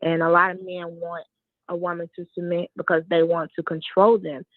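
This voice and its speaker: A woman's voice: on the low side, flat delivery, moderate pace, dry recording. A woman calling in over a phone line, earnestly making her point with hesitations and repeats. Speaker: caller. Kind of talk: casual call-in opinion. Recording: dry, narrow phone line.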